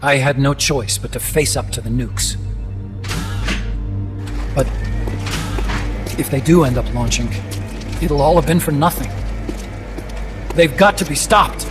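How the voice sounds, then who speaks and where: An actor playing an earnest, disillusioned scientist in a video game, explaining things in a talkative, serious way. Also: male voice, medium pitch, a little slow, pauses often, lightly acted. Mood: bitter, earnest. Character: earnest, disillusioned male nuclear weapons scientist, unable to walk. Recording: loud music behind. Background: music.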